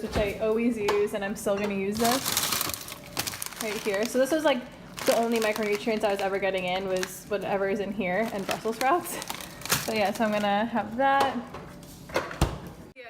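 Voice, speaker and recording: A young woman chats casually to her camera, her voice a little raspy as she comes down with a cold. She is talkative and fills her sentences with little fillers. Her room sounds echoey, with a faint hum behind her. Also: medium pitch. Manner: chatty, uses many fillers. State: raspy from getting sick. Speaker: vlogger. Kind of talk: casual chat. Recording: roomy echo, faint background noise.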